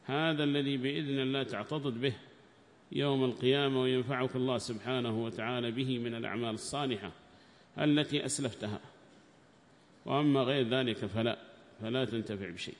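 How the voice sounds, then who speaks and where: A man's voice: medium pitch, fairly even intonation, brisk. Man teaching Quran commentary, echoing hall. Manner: alternates loud raised reading of the commentary text with quieter plain explanation. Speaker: Islamic scholar teaching tafsir. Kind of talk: religious lesson explaining Quran commentary.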